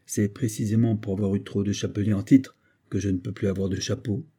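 A man voicing a penniless young painter who answers sharply and wryly, in a dark, husky voice. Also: on the low side, steady tone, a little fast. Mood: exasperated. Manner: wry, exasperated.

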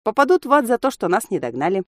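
A woman's voice: mid-range voice, very animated, quick pace, dry recording, studio quality, voice pushed up, natural voice. A woman narrator voicing a blunt young woman who lectures emphatically, raising her voice for the figure. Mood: lecturing. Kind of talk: audiobook character voice.

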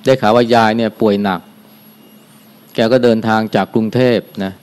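An older man, a Buddhist monk, giving a dharma talk in a calm, unhurried way, softly ending his phrases with a gentle particle. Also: fairly low pitch, smooth. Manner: calm, unhurried, adds a soft "na" at the end of phrases.

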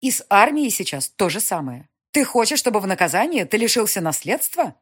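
A woman voicing a domineering aristocratic countess who scolds her grown son, in a husky, high-strung, overbearing voice, as in a period audiobook. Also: very animated, fairly quick, fairly bright tone. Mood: scolding. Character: imperious aristocratic middle-aged countess mother.

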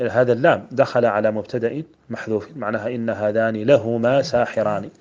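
Fast-talking sheikh explaining grammar, dull lo-fi sound. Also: male voice, medium pitch, darkish tone. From Mauritania. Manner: repeats and spells out word forms, chants quoted verses. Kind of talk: explaining a grammar poem line by line. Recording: dull lo-fi recording.

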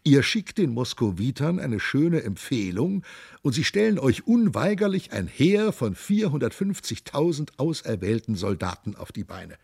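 A man's voice: mid-range voice, very animated, moderate pace, vocal fry, darkish tone, slightly rough, no room sound, studio quality, voice pushed up, full character voice. A man voicing a boastful, bloodthirsty army captain who brags and stumbles over his words. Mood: bragging.

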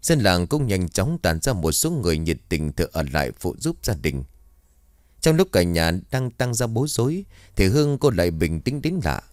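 Low-voiced male horror storyteller. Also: sing-song, normal speed, darkish tone, dry recording, clean studio sound. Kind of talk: scripted horror story narration.

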